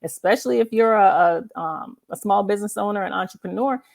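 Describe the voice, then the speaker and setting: Brisk, medium-pitched, and full of vocal fry, this woman hosts a live author interview show. The interview is casual, and she speaks emphatically and affirmingly, echoing key points for her listeners.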